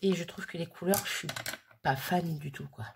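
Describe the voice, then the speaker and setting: Woman, low and gravelly, casual craft vlogger talking while she works, faint hiss behind. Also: normal speed. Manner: chatty, filler-heavy, frequent "hop" while working. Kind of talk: casual hands-on demonstration.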